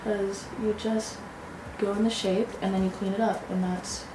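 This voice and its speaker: A woman's voice: medium pitch, little pitch movement, moderate pace, noisy background. A young woman giggling tipsily as she chats casually through a makeup tutorial. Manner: giggly, tipsy. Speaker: makeup vlogger. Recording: echoey room with background music.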